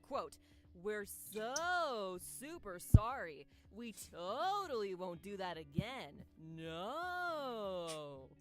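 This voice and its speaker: A woman puts on an over-the-top news anchor, brash and showy. The voice swings widely in pitch while faint music plays. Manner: brash announcer delivery, swooping pitch.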